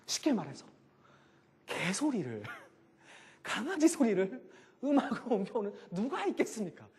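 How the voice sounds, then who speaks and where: A middle-aged man with a high-sitting voice lectures live on classical music at a moderate pace, joking, animated and full of rhetorical questions. A long reverb tail trails his words.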